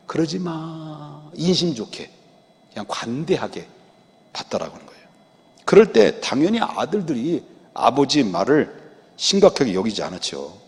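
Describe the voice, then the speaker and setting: Male pastor, emphatic sermon, quizzes the pews, lively higher voice, long hall reverb. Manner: asks the congregation rhetorical questions, emphatic. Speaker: senior pastor. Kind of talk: expository sermon. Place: church sanctuary.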